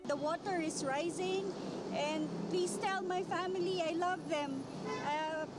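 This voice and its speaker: A woman playing a frightened stranded aid worker, pleading slowly for rescue in an emergency audio message. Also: extremely high pitch, steady tone, over loud music. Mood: desperate pleading. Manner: slow, drawn-out pleading.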